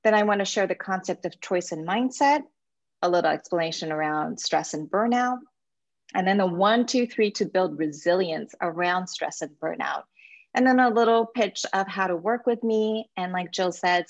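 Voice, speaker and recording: A Japanese woman in her forties, working as a life coach, gives an earnest presentation to alumni, using a few fillers. Her voice is fairly low and animated, delivered at a moderate pace in a dry recording.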